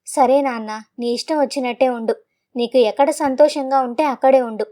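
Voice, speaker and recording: Hurt, devoted elder son, pleading with a shaky voice, storybook tale, read by a woman, high pitch. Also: steady tone, moderate pace, dark tone, natural voice. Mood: grieving. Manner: pleading, voice trembling.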